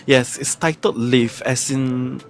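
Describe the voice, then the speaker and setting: A man in a relaxed podcast conversation, thinking aloud about his own creative work. He speaks reflectively, leans on fillers and restarts, and keeps a middle pitch. Faint music runs underneath. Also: slow. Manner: reflective, searching for words with many fillers. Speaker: podcast co-host, playwright.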